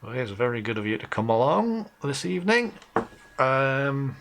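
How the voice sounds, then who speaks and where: A man's voice: mid-range voice, sing-song, normal speed. A man with a Northumbrian English accent hosting a casual live tutorial, thinking aloud informally as he works. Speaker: host of a live photo-editing session. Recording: clear background noise, keyboard and mouse clicks.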